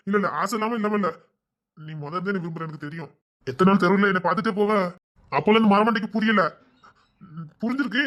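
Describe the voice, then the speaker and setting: Brief: a man as a lovesick youth with a lilt, high voice, rapid patter, fretful and pleading. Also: a bit bright. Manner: fretful rambling inner monologue, then pleading. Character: lovesick young village man, restless, scheming to elope. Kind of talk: audio love-story drama.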